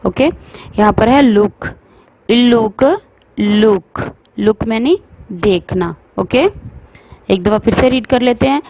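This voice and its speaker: A woman teaching phonics to young children, sounding out words slowly and explaining in Hindi mixed with English. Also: on the high side, muffled recording. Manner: slow, drawn-out sounding out of words.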